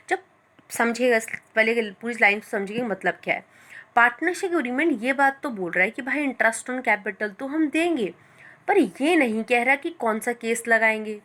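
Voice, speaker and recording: Bright-voiced woman teaching a class. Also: on the high side. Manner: explains step by step, reads English lines slowly. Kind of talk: classroom-style lecture.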